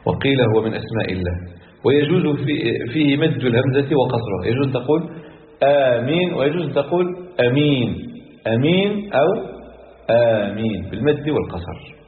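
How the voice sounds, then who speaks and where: Brief: male scholar teaching a religious lesson, quick delivery, tinny phone-like sound. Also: mid-range voice, lively intonation. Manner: explanatory, repeats key phrases. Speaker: Islamic scholar teaching Quran exegesis. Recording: echoey hall on a tinny lo-fi line.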